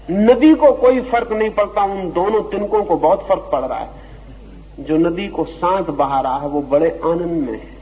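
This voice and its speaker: A man giving a slow, deliberate spiritual discourse, his voice swelling and dropping for emphasis. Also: fairly high pitch, warm tone, long reverb tail, poor audio. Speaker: spiritual teacher. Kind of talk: philosophical discourse.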